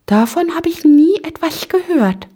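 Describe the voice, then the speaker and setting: A woman's voice: lively intonation, unhurried, warm tone. A woman reading a storybook and voicing a tiny, eager, very polite boy servant who chirps and pipes his words. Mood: puzzled. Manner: piping, bowing courtesy, high and eager.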